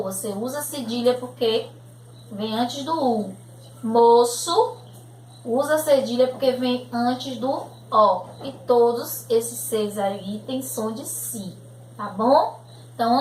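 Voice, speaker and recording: Slow, patient Brazilian woman teacher. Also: on the high side, a little hiss or hum. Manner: slow, patient, checks in with "né?" and "tudo bem?". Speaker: primary school teacher. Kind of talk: remote grammar lesson for children. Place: room at home. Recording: echoey room recording.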